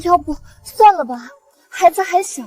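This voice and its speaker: An actress playing a noble mother in a costume drama, shrill, accusing and melodramatic. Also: lively intonation, moderate pace, darkish tone, soft background music.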